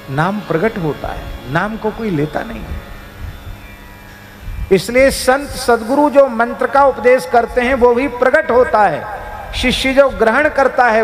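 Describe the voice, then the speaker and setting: A man giving a devotional sermon, with an emphatic rising and falling delivery and slow chanted verses. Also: high voice, a little hiss or hum. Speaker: spiritual preacher. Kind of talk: devotional discourse. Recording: reverberant hall with soft music.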